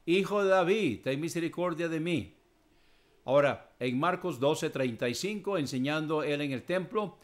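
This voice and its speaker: A man answering listeners' Bible questions, reading scripture verses aloud and explaining them in a measured way. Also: medium pitch.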